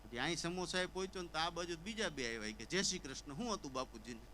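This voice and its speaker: Talking fast in a fairly high voice, a stand-up comedian tells a comic Gujarati folk story on stage. His animated performance has characters stammering and sobbing. The low-quality recording picks up slight background noise.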